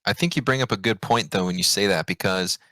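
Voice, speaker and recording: A man co-hosting a podcast in casual chat, animated, with sudden excited jumps in pitch. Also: fast, no echo, poor audio. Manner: animated, loud outbursts, swings up in pitch when excited. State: hiccups. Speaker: podcast co-host.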